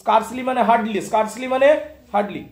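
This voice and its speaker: A man's voice: very high-pitched, moderate pace. A male teacher in a classroom, going through a poem line by line, repeating each phrase and translating it for his students. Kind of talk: classroom poetry lesson. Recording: echoey room.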